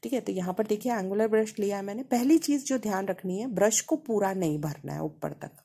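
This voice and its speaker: A woman from India, speaking with an Indian accent, walks viewers through a painting lesson in a chatty, conversational way. Her voice is lively, rising and falling a lot as she explains. It has a slightly husky edge. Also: medium pitch, a little fast. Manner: chatty, repeats "है ना" to check in. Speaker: painting teacher. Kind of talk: casual tutorial explanation.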